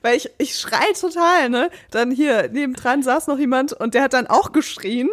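A woman's voice: sits high, normal speed. A woman cohosting a casual podcast, teasing and laughing often. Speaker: podcast co-host.

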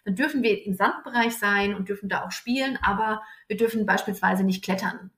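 A woman's voice: mid-range voice, fairly quick, a bit bright. A woman guest, a kindergarten teacher, explaining things practically with everyday examples. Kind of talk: casual conversation. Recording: echoey room.

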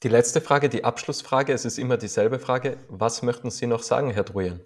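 A man's voice: mid-range voice, moderate pace. A man hosting a podcast, asking questions and thanking his guest in a polite, formal way. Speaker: podcast host. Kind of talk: interview questions and outro.

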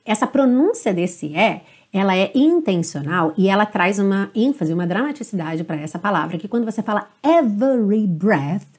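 A woman teaching English pronunciation of a song, speaking slowly and repeating lines to demonstrate. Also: mid-range voice, animated, a little mellow, slightly rough. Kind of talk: pronunciation lesson.

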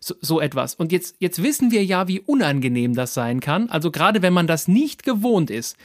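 A man's voice: high voice, very animated, moderate pace, no echo, studio quality. A man hosting a podcast interview, asking questions with frequent restarts and repeated words. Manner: hesitant, repeats words while forming questions. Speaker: podcast host. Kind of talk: conversational interview.

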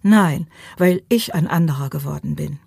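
A woman's voice: sits low, moderate pace, creaky, a little mellow, husky, no echo, clean studio sound, exaggerated voice. A woman reading a persuasive male painter. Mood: urging. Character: brooding male painter, insistent, shy.

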